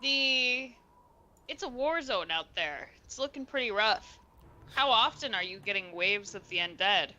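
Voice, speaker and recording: A woman's voice: medium pitch, animated, measured pace, bright, forceful tone, muffled recording. A woman playing a tabletop role-playing game, chatty and often laughing as she speaks in character. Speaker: player.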